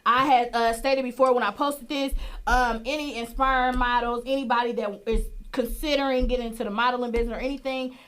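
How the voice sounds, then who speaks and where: A woman hosting a casual live internet radio show, chatty and excitable, repeating herself and giving listeners shout-outs. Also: on the high side, brisk, clear, resonant tone. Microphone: studio microphone.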